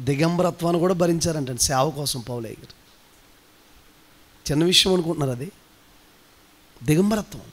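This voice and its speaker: Telugu pastor guy, high voice, preaching loud then chanting sing-song, sudden shouts. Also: moderate pace, pauses often. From India. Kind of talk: sermon.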